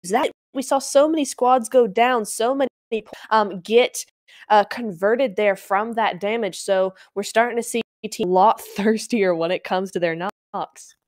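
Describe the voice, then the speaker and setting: Animated woman calling an esports match. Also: medium pitch, measured pace. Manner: animated, exclaiming, chatty co-caster. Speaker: esports caster. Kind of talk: live esports commentary.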